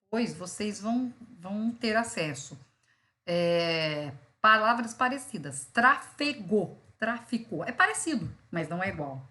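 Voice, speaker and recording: A woman's voice: medium pitch, lively intonation, a little slow, sharp tone. A Brazilian woman lecturing, explaining word meanings through examples and checking in with "né" and "tá". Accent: Brazilian Portuguese. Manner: explains with examples, many fillers like "né" and "tá". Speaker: law school teacher. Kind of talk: online lecture on vocabulary.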